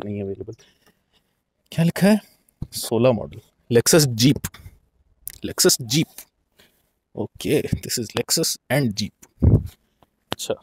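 Touring an outdoor car lot, a young vlogger chats to the camera, explaining as he goes and sprinkling in English. His voice runs on the low side and is a little mellow, with no echo.

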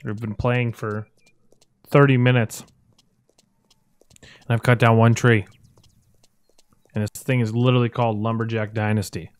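A man's voice: mid-range voice, little pitch movement, measured pace, long pauses, clear, resonant tone, dry recording. A man hosting a gaming video with casual, jokey commentary, thinking aloud and poking fun at himself.

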